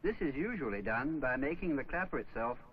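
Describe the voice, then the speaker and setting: A man narrates a scripted 1950s instructional film, explaining things step by step in a didactic manner. His medium-pitched voice is lively in intonation and fairly quick. The old soundtrack is dull and noisy.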